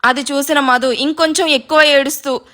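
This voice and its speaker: Woman reading a dramatic story out loud, high bright voice. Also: fairly even intonation, moderate pace.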